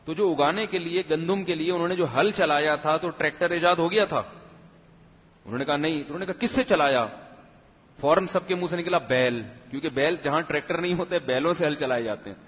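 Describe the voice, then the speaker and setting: A man preaching a sermon in a conversational way, telling a parable and putting questions to his listeners. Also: a little high. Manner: conversational, asks the audience questions. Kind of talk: sermon with storytelling. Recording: echoey hall, dull lo-fi sound.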